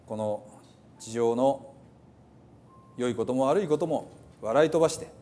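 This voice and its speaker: A pastor leading a slow, reverent spoken prayer in a soft voice. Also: male voice, medium pitch, slight background noise.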